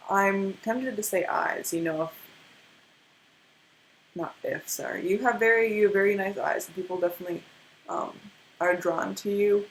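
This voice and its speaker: A woman's voice: medium pitch, a little hiss or hum, low-quality recording. A tired young woman with a stutter, giving a casual tarot card reading after very little sleep, with many restarts. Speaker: tarot reader.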